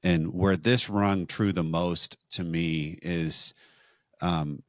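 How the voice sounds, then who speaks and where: A man co-hosting a marriage podcast, teaching in a measured, explanatory way with rhetorical questions. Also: low voice, steady tone, no room sound, studio quality.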